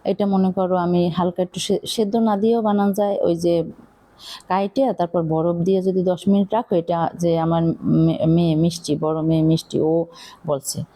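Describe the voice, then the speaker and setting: A woman's voice: on the low side, level tone, moderate pace, warm tone. A middle-aged woman with a Barishal accent who chats casually while cooking, rambling and confiding, with many fillers. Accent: Barishal Bengali. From Bangladesh. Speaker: cooking vlogger.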